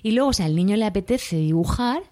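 A woman's voice: mid-range voice, expressive, a little fast, mellow. A middle-aged woman with a Spanish accent, a teacher hosting a podcast, explaining ideas in a chatty, self-correcting way. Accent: Spanish from Spain. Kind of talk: casual educational podcast monologue.

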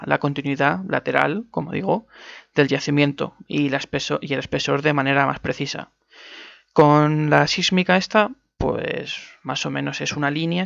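A man's voice: on the high side, creaky, a bit bright, no echo. A man from Spain giving casual, digressive commentary on energy for a podcast, full of fillers and self-corrections. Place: on the move, away from his usual setup. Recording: dull, lo-fi, dry sound.

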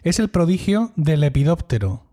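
Playful Spanish-speaking podcast host, mellow voice. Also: male voice, on the high side, sing-song. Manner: playful, jokey, slows for mock-solemn lines. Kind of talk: casual chat.

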